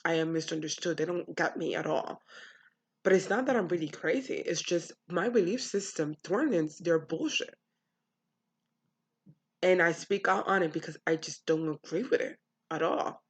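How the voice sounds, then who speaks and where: Expressive and at a normal pace, a young American woman with a lowish, slightly rough voice vlogs a candid personal monologue. She talks bluntly about her upbringing and doesn't hold back on swearing.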